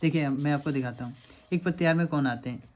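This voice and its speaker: A man's voice: fairly high pitch, fast, darkish tone. Male teacher explaining grammar quiz questions. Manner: explanatory, repeats checks like "samajh rahe hain aap". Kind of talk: lecture solving quiz questions.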